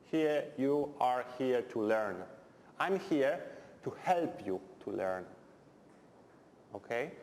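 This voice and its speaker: This medium-pitched, slightly mellow voice belongs to a middle-aged man from Poland teaching university chemistry in English, which he speaks non-natively with a Polish accent. His delivery is blunt and direct, laced with dry humour, captured in an echoey lecture hall with faint noise.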